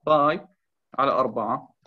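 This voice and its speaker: A man's voice: mid-range voice, moderate pace. A man tutoring engineering, explaining a drawing, repeating key points and mixing in English terms. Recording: slightly dull lo-fi sound.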